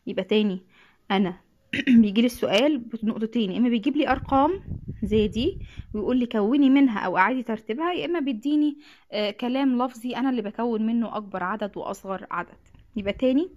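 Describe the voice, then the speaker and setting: Egyptian lady math teacher, kinda high voice, talks quick, clears her throat a lot. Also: dull audio. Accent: Egyptian Arabic. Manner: patient, repeats each point, frequent throat clearing. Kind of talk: classroom math lesson.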